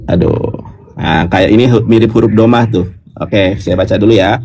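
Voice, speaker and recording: A man from West Java, talking patiently like a teacher on an online discussion call and chanting verses in a sung intonation over a quiet, low-input mic. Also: steady tone, moderate pace, soft background music. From West Java (Sundanese). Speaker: speaker explaining scripture. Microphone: detached sound card, quiet input.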